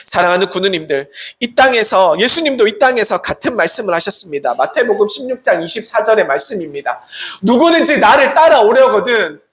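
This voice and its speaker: Sermon, animated pitch, rhetorical questions, acted-out quotes, echoey sanctuary. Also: fast, few pauses. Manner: rhetorical questions, acts out quoted prayers and replies. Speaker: Salvation Army officer preaching. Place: church sanctuary. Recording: echoey church room.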